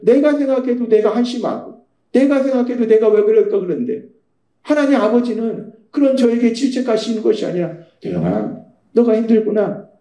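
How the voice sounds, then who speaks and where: A pastor delivers an animated sermon, often putting rhetorical questions to the congregation. His voice sits high for a man but sounds mellow and dark in tone. The sound echoes through the church sanctuary.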